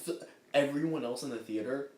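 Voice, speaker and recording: A young man co-hosting a casual comedy podcast, animated and swearing, acting out quotes in silly voices. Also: medium pitch, brisk. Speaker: podcast co-host. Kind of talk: casual comedic movie review chat. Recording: echoey room.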